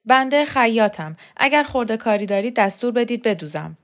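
A woman's voice: on the high side, lively intonation, fairly bright tone, voice pushed up. A woman reader voicing a nervous man tailor who speaks in a servile, overly polite way. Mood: fawning.

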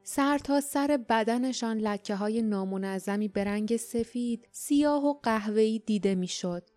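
A woman narrating an audiobook in a steady, measured storytelling manner. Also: fairly high pitch, no echo, faint music behind. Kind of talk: scripted narration.

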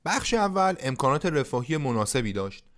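A man's voice: mid-range voice, very animated, a bit bright. A man hosting a storytelling podcast, narrating from a script in a conversational tone with casual asides. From Iran. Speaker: podcast host.

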